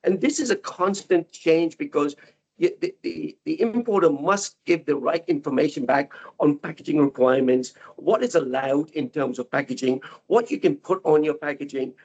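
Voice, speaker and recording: A man explaining things in a panel discussion, haltingly, often repeating words as he stresses his points. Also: a little high, a little mellow. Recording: dull, muffled lo-fi sound.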